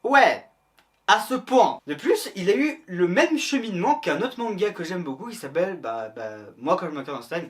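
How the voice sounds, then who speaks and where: A man's voice: sits high, expressive, a little fast, few pauses. A man hosting a casual, comedic anime and manga review, jokey and crude with self-mocking banter.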